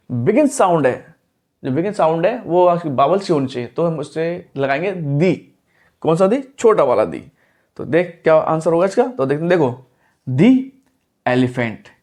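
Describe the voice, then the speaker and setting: A man's voice: fairly high pitch, a little mellow. A man teaching English grammar in Hindi, often asking a question and answering it himself. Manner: mixes Hindi with English examples. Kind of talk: explaining grammar to students.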